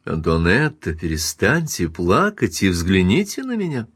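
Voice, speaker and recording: A man reading a commanding, gently insistent businessman in an audiobook, speaking low and unhurried. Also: wildly swooping pitch, husky, dry recording, studio quality, full character voice. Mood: tender, coaxing.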